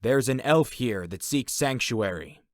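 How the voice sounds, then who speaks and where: A man's voice: medium pitch, lively intonation, unhurried, no room sound, studio quality, voice pushed up, lightly acted. A man voicing a stern, formal warrior. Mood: guarded. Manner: formal, guarded. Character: stern, wary male warrior.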